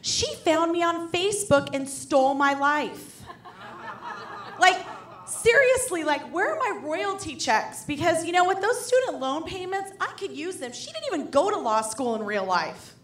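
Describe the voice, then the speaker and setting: A woman's voice: high voice, big pitch swings, moderate pace, fairly bright tone. A young woman doing a chatty, wry stand-up comedy set on a club stage. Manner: chatty, wry, self-deprecating storytelling. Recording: echoey club room.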